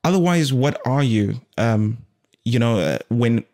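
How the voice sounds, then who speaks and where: A man hosting a casual podcast conversation, animated and rambling at times. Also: medium pitch, a little slow. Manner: animated, loses his train of thought. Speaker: podcast host.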